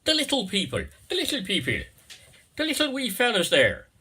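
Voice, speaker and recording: A man plays a chirpy little everyman with an Irish accent. The voice swoops widely, with a husky, bright edge, and repeats itself excitedly. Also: sits high, a little fast, pitched above the performer's own voice, heavily acted. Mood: chirpy, put-on. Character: little common folk as chirpy sparrows.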